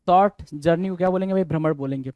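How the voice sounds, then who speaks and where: High pitched guy teaching vocab, keeps repeating words and quizzing, dry close sound. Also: fast, warm tone, dry recording, dull audio. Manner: drills words, repeats and spells them out, asks students questions. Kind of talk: exam-prep lesson.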